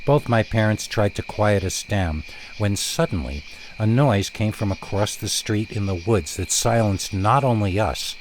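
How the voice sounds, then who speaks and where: A man narrates a first-person scary story in a fairly low voice, expressive and dramatic, leaning on words and pausing deliberately. Some background noise is audible.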